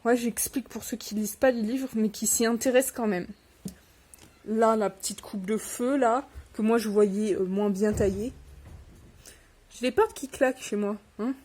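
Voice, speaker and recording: A woman's voice: on the high side, moderate pace, warm tone. A young woman, a little under the weather, chatting casually and rambling as she unboxes books for her vlog, with self-deprecating asides. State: a little sick. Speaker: book unboxing vlogger. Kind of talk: casual chat.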